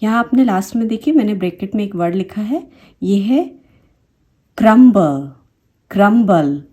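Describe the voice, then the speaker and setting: A woman's voice: medium pitch, lively intonation, fairly quick, mellow. A woman with an Indian English accent teaching a phonics lesson, saying each example word twice and explaining the rules patiently.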